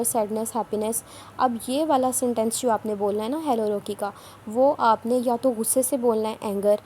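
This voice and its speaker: A woman's voice: on the high side, warm tone, slight background noise. A woman explaining step by step how to record and share audio files in a tutorial, repeating herself and sometimes scolding. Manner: repetitive, instructive, a bit scolding. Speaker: online work trainer.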